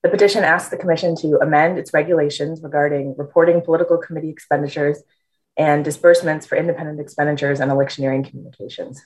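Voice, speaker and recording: A woman's voice: low-pitched, a little mellow, rough recording. A woman reading a scripted, formal briefing as a government staff presenter.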